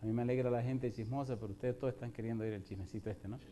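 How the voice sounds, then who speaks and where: A male pastor preaching a sermon who swings from loud, emphatic preaching to a hushed storytelling voice and puts rhetorical questions to the congregation. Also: mid-range voice, fairly even intonation, rapid-fire, background noise.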